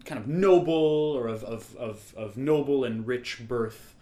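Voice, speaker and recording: A man's voice: mid-range voice, unhurried, mellow, echoey room. Rambling, enthusiastic male podcast host. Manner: rambling, enthusiastic, self-correcting. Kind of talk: casual podcast chat.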